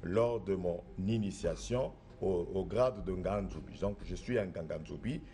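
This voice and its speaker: Here a middle-aged traditional spiritual master from the Republic of the Congo speaks a little slowly, his voice low and dark. He handles interview questions assertively, insisting on and repeating his points.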